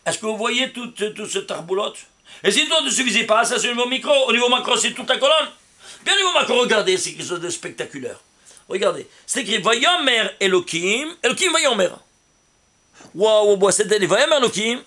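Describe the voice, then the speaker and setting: A man, a rabbi, giving a Torah lesson on numerology with an animated manner, firing rhetorical questions at his listeners. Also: sits high, fairly quick.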